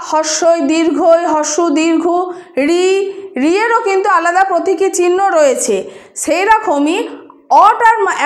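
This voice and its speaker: Female teacher, very high-pitched, patient explainer, recorded in a reverberant room. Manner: explaining patiently with questions to students. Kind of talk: spoken Bengali grammar lesson.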